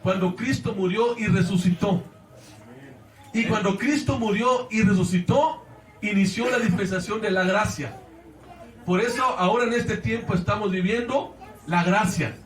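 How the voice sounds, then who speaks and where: A man's voice: high-pitched, unhurried. A man with a Mexican Spanish accent preaching a sermon as pastor of a church, earnestly calling out to the congregation. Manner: earnest preaching, often addressing the congregation as brothers. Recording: echoey church from a distance.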